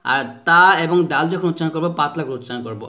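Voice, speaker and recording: A man giving a patient pronunciation lesson for Quran recitation, modelling each letter sound slowly and having listeners repeat after him. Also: fairly high pitch, pushed and bright. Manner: slow drawn-out modelling of letter sounds with repetition drills; patient, repeats each point several times.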